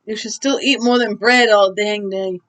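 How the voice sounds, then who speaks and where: A woman's voice: mid-range voice, steady tone, normal speed, fairly bright tone. A woman co-hosting an unboxing vlog, chatting casually in a blunt, teasing way. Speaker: co-host. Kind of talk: casual chat.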